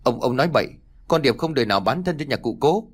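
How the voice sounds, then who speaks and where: A man playing a stern middle-aged village father who scolds gruffly in a low voice. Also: animated, quick pace. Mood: gruff scolding.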